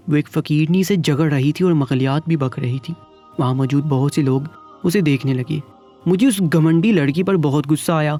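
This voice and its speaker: A man narrating a first-person story with an earnest, steady manner and a Pakistani Urdu accent. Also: fairly high pitch.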